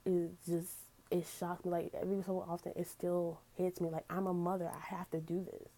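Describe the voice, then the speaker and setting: A woman's voice: fairly low pitch, level tone, a little fast, dark tone, rough recording. A young woman telling a personal story in a casual storytime vlog, speaking in a candid, earnest way. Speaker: vlogger.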